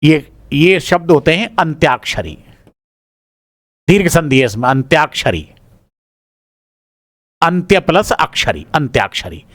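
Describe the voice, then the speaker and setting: A man with a fairly high voice goes question by question through an exam answer key. He repeats each word aloud as he checks it and keeps his tone informal. The recording is dry and close, with no room sound. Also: lively intonation, a little slow, long pauses, fairly bright tone, no room sound. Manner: informal, addresses listeners as brother. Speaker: teacher.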